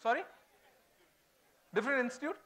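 A man's voice: very high-pitched, lively intonation, normal speed, pushed and bright. A man in his forties with an Indian accent, giving an informal, conversational talk on stage as a corporate speaker. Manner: informal, switching between English and Hindi. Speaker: corporate HR speaker at a college event. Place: large auditorium stage.

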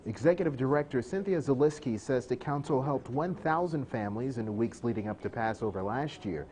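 A man delivering a scripted news report voice-over in a measured way. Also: medium pitch, animated, a little mellow, slight background noise.

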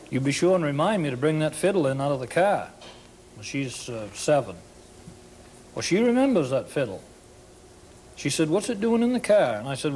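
A man's voice: fairly high pitch, a little mellow, a little hiss or hum. A man in his forties with a Maine accent, telling folksy tall tales in a dry, drawling, plain-spoken way on a kitchen set. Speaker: storyteller host. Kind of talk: folksy tall-tale storytelling.

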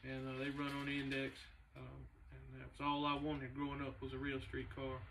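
A man, a race car builder talking casually to the camera in a halting, laid-back way with many fillers. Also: mid-range voice, monotone, creaky, a bit bright, a little hiss or hum. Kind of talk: casual vlog talk. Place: large indoor garage shop. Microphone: camera a few meters away. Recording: distant camera mic in a garage.

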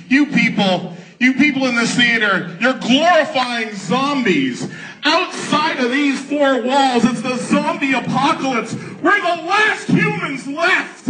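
A man playing an angry, zombie-hating militant villain in a wrestling promo, belligerently shouting drawn-out taunts at a crowd. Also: very high voice, exaggerated voice. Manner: belligerent, emphatic, drawn-out ranting. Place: stage of a large cinema theatre, live event. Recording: distant audience camera, noisy loud crowd.

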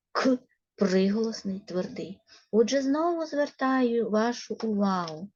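A woman teacher with a Ukrainian accent takes a first-grade class through a reading lesson, slow and patient as she coaxes the children along. Her voice is mellow and a little husky, and the lo-fi recording sounds dull. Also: medium pitch. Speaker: primary school teacher.

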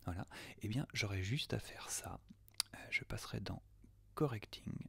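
A low-voiced man from France talks through a software test in a relaxed, chatty way. His voice has a gravelly edge, and he fills pauses with frequent hesitations. He slips into muttered asides half under his breath, and the sound is close and dry. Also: no echo, whispered. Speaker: audio producer demoing software. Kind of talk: casual screen-recorded software test.

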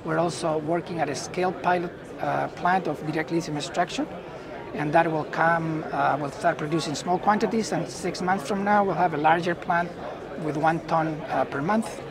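Speaking through a lapel mic at an indoor trade-conference booth, this middle-aged man from Chile has a slightly high, gravelly voice and a Chilean Spanish accent. As a company executive in an unscripted business interview, he answers haltingly while the crowded hall buzzes in the background.

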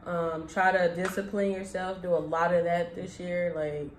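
A young woman with a lowish, level voice talks at a moderate pace while eating as a mukbang co-host. She chews as she chats casually at a table indoors, in an echoey room with some light background noise.

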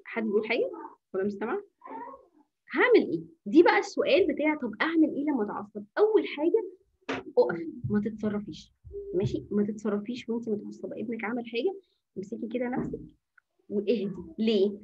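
A woman's voice: fairly high pitch, expressive, fast, pauses often, a little mellow, slightly rough, dull audio. A woman teacher with an Egyptian Arabic accent giving an informal anger-management workshop. She coaches her listeners, asks rhetorical questions and answers them herself, and drops in English phrases. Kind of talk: informal online workshop talk.

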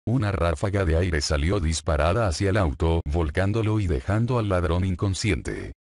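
Guy narrating a fan story, deep voice, very dry close sound. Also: a little mellow, no room sound. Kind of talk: reading a fan story aloud.

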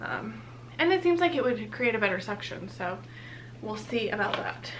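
Young woman, vlogger, slightly breathless, upbeat casual unboxing chat, somewhat high voice. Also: expressive, normal speed, background noise. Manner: chatty, upbeat.

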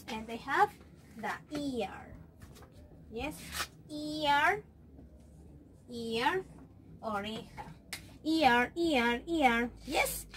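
A woman teaching a lesson to small children, coaxing them slowly and drawing out each word she repeats. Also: high voice, fairly bright tone, slight background noise. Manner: slow, coaxing, drawn-out repetition of words. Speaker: preschool teacher.

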